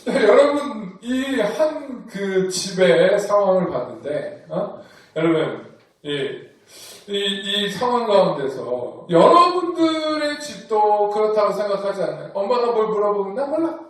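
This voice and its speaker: A man's voice: high voice, big pitch swings, unhurried, far from the mic. A man preaching a youth sermon, coaxing the kids with questions. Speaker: youth pastor. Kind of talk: sermon to teenagers. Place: church hall. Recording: echoey room, voice from afar.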